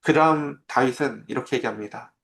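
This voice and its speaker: A man's voice: medium pitch, brisk, gravelly, a bit bright. A man preaching a sermon as pastor, in a conversational way that keeps asking his listeners questions.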